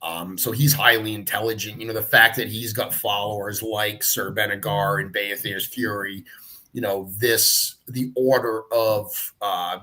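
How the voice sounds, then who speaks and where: A man's voice: fairly low pitch, pushed and bright, rough recording. A middle-aged man explaining the lore he wrote, in casual, rambling live panel chat full of fillers. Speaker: creator of the dragon lore, show guest.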